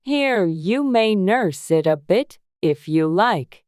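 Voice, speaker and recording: A woman's voice: mid-range voice, lively intonation, slow pace, a little mellow, no echo, studio quality. A woman voicing a bossy, bad-tempered duchess with a curt, theatrical, scolding delivery in a dramatized storybook audiobook. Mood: brusque.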